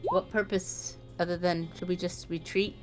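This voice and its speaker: A woman's voice: lowish voice, steady tone, normal speed, music in the background. Tentative woman in casual tabletop role-play. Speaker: player in a tabletop game.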